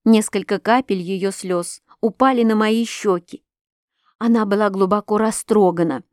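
A woman narrating a classic novel as an audiobook, measured and expressive. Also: medium pitch, dry recording, clean studio sound. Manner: slow, measured, expressive reading.

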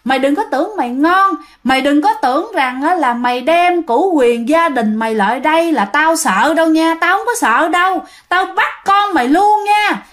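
Woman playing a possessed young mother, shrill, high and loud, snarling threats; storytelling read. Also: expressive, normal speed, hardly any pauses. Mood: menacing.

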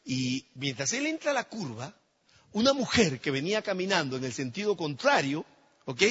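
A man preaching a sermon in a church, telling stories with lively, animated delivery that swells into shouts. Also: a little high, moderate pace, husky. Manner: animated storytelling, rising to shouts at the climax. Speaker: pastor. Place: church hall. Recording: dull, echoey church hall recording.

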